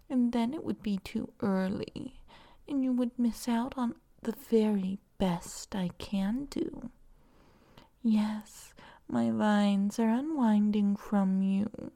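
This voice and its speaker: A seductive female vine creature, voiced by a woman, in an audio roleplay. She takes her time, whispering softly and breathily. Her tone stays mellow and unhurried, with an even middle pitch. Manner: soft, breathy whispering, slow and coaxing.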